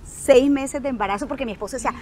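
Her high voice races along as this woman in her thirties, with a Colombian Caribbean coast accent, tells animated stories as an outdoor interview guest. She's described as a guest and a news anchor, and the setting is a resort terrace. Expressive throughout, she acts out the dialogue.

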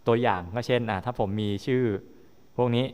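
A male lecturer talking through a technical topic in a classroom. His voice is mid-pitched and carries a long reverb from the lecture hall. He keeps checking that students follow, with frequent tag questions. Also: steady tone, brisk, darkish tone, smooth. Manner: explanatory, often checking understanding with tag questions. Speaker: university lecturer.

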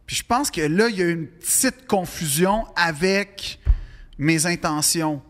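A man's voice: fairly high pitch, expressive, a little slow, a bit bright, in a large hall. A man with a Quebec French accent, a podcast guest telling a long anecdote in a rambling way with many restarts. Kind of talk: casual storytelling.

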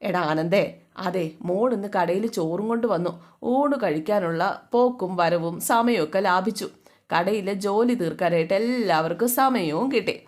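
A woman's voice: mid-range voice, normal speed, darkish tone, close to an everyday voice. A woman doing a fond old father. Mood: praising. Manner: fond, indulgent, chiding his wife. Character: older father, shop owner, mild and fond.

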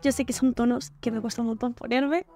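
Brief: young woman beauty vlogger, high bright voice, gushy and playful, faint music behind. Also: fairly even intonation, brisk, gravelly. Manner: chatty and gushing, with playful slang. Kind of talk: casual product review vlog.

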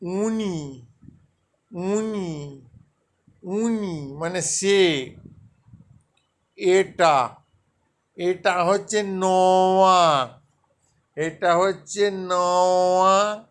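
A man teaching a language lesson, repeating each word slowly and deliberately for learners. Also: sits high, a bit bright. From West Bengal. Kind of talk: slow spoken language lesson.

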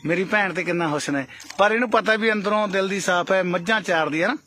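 A man's voice: sits high, fast, sharp tone. A man vlogging outdoors in a field, chatting and joking with the people he meets. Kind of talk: casual chat.

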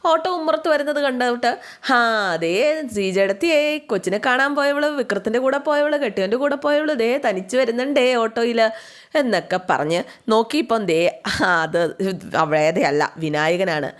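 A woman's voice: a little high, a little slow, close to an everyday voice. A woman voicing a gossipy woman chattering about the neighbours.

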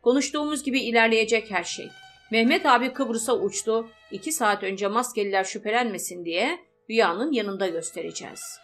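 A woman's voice: on the high side, brisk, fairly bright tone, soft background music. A woman voicing a curt, possessive adult man giving orders in an audiobook story. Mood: commanding. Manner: curt, commanding. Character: commanding husband, adult man, cool and possessive.

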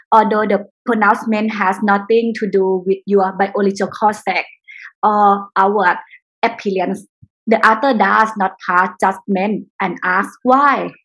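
A woman speaks as a podcast guest, her voice husky and a little breathy. She answers questions in a halting way, often pausing with "uh" between phrases. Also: medium pitch, a bit bright, low-quality recording. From Thailand. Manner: halting, with frequent "uh" pauses. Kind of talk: casual interview answers.

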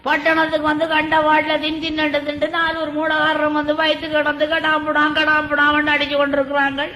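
A woman performing a comic skit, boisterous and loud, half-singing some lines. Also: high-pitched, completely flat delivery, brisk. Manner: boisterous, shouting and laughing, half-sung lines. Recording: echoey room with faint noise.

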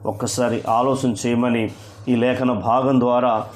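Telugu pastor preaching, slow emphatic readings. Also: male voice, mid-range voice, little pitch movement. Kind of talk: sermon.

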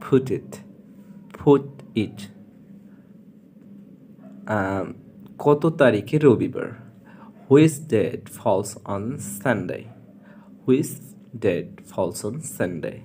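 A man teaching spoken English with a Bengali accent, saying each phrase twice, slowly and deliberately, with short explanations in between. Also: on the low side, animated, warm tone, a little hiss or hum.

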